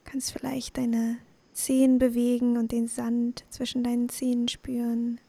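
Breathy, soft-spoken woman narrating a sleep story. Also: on the high side, monotone, unhurried, no room sound. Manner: soothing, gentle, breathy, often near-whispered. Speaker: sleep meditation podcast host and narrator. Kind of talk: sleep story narration, guided bedtime meditation.

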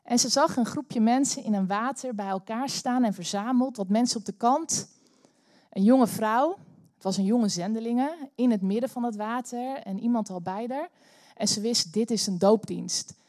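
A Dutch woman preaching a sermon in church, telling a story with animated bursts of energy. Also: a little high, moderate pace, dry recording, studio quality. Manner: animated, bursts into loud cheering when acting out the story. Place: church hall.

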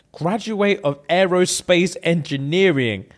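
A man's voice: sits high, slow. A young man with a London roadman accent, reading out online comments in slangy, jokey casual banter. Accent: London, urban roadman slang.

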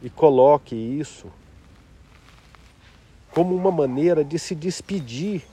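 A man leading a guided meditation in a slow, soft-spoken, reflective way. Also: fairly high pitch, husky.

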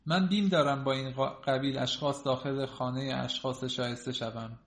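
A man voicing an irritable, proud gentleman who speaks scornfully and cuttingly, recorded in an echoey room. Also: medium pitch, steady tone, lightly acted. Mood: irritated. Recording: roomy echo.

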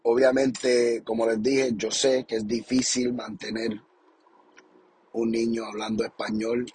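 A man's voice: medium pitch, dark tone, slight background noise. A young adult man, hosting a podcast in a casual monologue, passionate and encouraging, often repeating his points and tagging them with a question. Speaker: podcast host.

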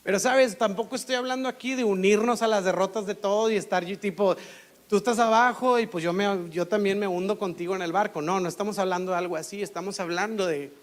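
A Mexican-accented pastor preaching in an easy, talk-it-over manner, his voice sitting notably high for a man. He slips into other people's voices as he quotes them. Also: fairly even intonation, fast talker. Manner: conversational, acts out quoted voices. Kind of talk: sermon.

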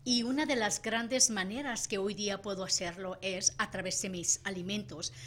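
A woman's voice: mid-range voice, steady tone, normal speed, fairly bright tone, slight background noise. A woman from Sinaloa, Mexico, a chef and guest on a radio show, speaking politely with hesitant fillers. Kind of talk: casual studio chat. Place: radio studio.

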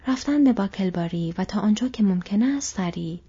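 A woman doing Frodo, a soft burdened hobbit. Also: mid-range voice, lively intonation, husky. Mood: troubled. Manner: soft, troubled. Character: young male hobbit, thoughtful and burdened. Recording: dull lo-fi recording.

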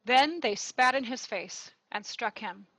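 A woman narrating a gospel reading in a church service, clear and measured. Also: a little high, lively intonation, sharp tone, dry recording, rough recording. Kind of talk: liturgical scripture reading.

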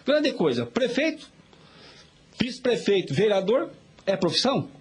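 A man's voice: sits high, sing-song, normal speed. A middle-aged man with a Brazilian Portuguese accent, a vice mayor and pharmacist talking as an interview guest in a chatty, folksy way with preachy asides. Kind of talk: casual interview talk.

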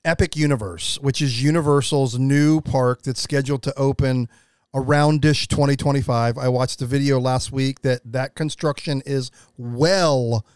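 A man's voice: mid-range voice, steady tone, moderate pace, darkish tone, clean tone, no echo. An American man co-hosting a podcast in casual, rambling chat, speaking with emphasis. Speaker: podcast co-host.

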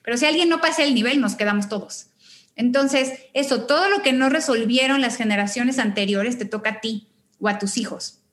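A woman's voice: on the high side, fairly quick, fairly bright tone. A woman, a guest who explains family constellations with homely analogies. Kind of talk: casual explanatory chat.

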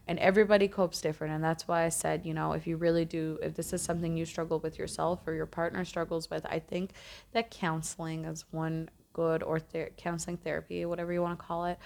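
Casting: woman podcast host, slightly low voice, earnest and reflective, casual solo talk. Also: level tone, brisk, vocal fry, a little mellow. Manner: reflective, earnest, self-correcting.

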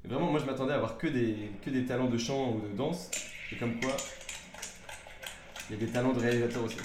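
A man's voice: medium pitch, fairly even intonation, fast, background noise. A man co-hosting in casual, joking chat, laughing often. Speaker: co-host. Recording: roomy echo.

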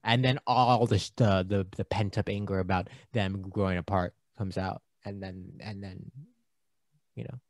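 A man's voice: sits low, fairly even intonation, normal speed, darkish tone, dry recording. Chatty man on a dry close mic. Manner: chatty, laughs often, trails off. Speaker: podcast co-host. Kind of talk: casual movie discussion.

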